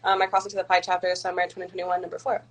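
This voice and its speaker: A woman's voice: on the low side, monotone, very fast, rough recording. A young woman in her twenties, a pharmacy student interviewing a guest, eager and tripping over her words at times. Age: 20s. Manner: eager, stumbling restarts. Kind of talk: asking interview questions.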